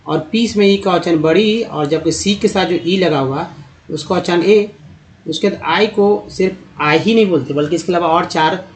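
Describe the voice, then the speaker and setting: A man teaching English pronunciation in Hindi, reading words out slowly one by one and explaining how each is said. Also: fairly high pitch. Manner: drawn-out dictation of words, then explanatory chat. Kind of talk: slow word-by-word pronunciation lesson.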